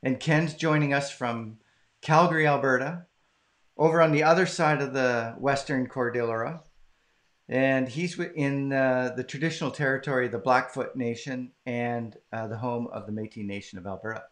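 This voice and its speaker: A man's voice: medium pitch, moderate pace, fairly bright tone. A man from Canada hosting a live-streamed conversation, casual and chatty. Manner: casual, chatty, laughs easily. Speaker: host. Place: home, southern British Columbia.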